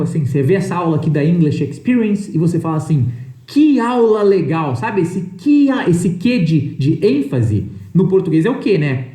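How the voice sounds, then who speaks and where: Lively, echoey male English teacher. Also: high voice. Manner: didactic, repeats points and checks in with "né" and "tá". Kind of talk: online English lesson explained in Portuguese.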